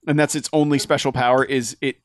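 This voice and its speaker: Animated guy retelling game scenes. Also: medium pitch, quick pace, no room sound, studio quality. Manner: animated retelling, acting out quoted lines. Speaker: podcast co-host. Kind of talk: casual chat about a video game.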